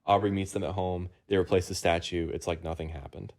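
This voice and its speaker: Lower-voiced man rambling through a plot recap. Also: steady tone, brisk, a little mellow. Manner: rambling, frequent ums and uhs. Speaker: podcast host. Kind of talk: casual plot recap among friends.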